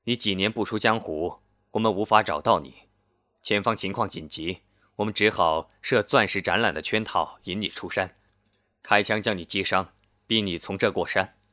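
A man voicing a calm, friendly middle-aged police chief who explains things at length in a smiling, reassuring way. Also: sits low, moderate pace, no echo, clean studio sound.

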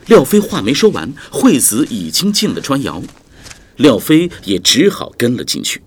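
A man narrating an audiobook in a vivid, expressive way, with music behind. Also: mid-range voice, normal speed, slight background noise. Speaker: storyteller.

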